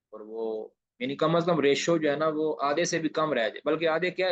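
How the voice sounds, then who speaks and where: A man's voice: a little high, no room sound. A man teaching an online Islamic studies lecture, translating Arabic hadith line by line and stressing key phrases. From Pakistan. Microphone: video call. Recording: dull lo-fi online class audio.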